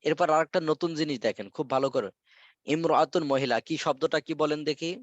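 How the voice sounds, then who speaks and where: A man's voice: fairly high pitch, fast, dry recording. Brief: male online teacher, patient, repetitive drilling, dry muffled call sound. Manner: patient, repeats words for drilling. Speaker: Arabic teacher. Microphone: video call.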